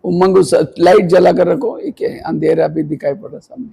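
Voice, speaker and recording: A man's voice: sits high, normal speed, vocal fry, mellow, low-quality recording. A man giving a spiritual discourse to a live audience, earnest and full of rhetorical questions, now and then scolding sleepy listeners. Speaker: spiritual teacher. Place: meditation hall.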